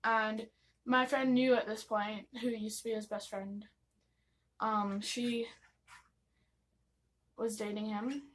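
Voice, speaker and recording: A young American woman shares personal stories in a casual confessional vlog, gossipy, giggly and rambling, acting out snippets of dialogue along the way. Her fairly high voice sounds flat and slow with long pauses, and the recording is rough.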